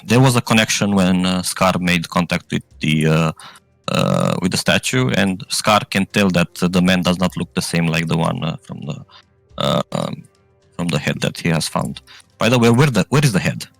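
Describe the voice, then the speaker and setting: A man's voice: sits low, animated, moderate pace, creaky, a bit bright, no room sound, soft background music. A man narrating a tabletop role-playing game as game master, improvising and often searching for his words.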